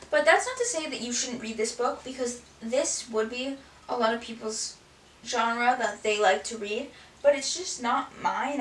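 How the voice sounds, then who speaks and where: A woman talks casually through her recent reads, rambling along with a steady stream of "like." Her voice sits a little high. It reaches the mic from a few steps away in an echoey room, with a faint hiss behind it. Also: far from the mic. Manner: rambling, frequent "like" fillers. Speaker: book vlogger. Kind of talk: casual book review chat.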